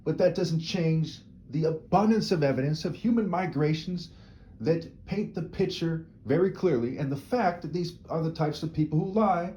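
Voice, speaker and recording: A man's voice: a little high, normal speed, warm tone, dull audio, a little hiss or hum. A man giving an opinionated solo monologue to camera, rambling and rhetorical, often tagging his points with "right?". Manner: rhetorical, checks in with frequent "right?" tags; discursive, repeats words while restarting sentences. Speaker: video commentator.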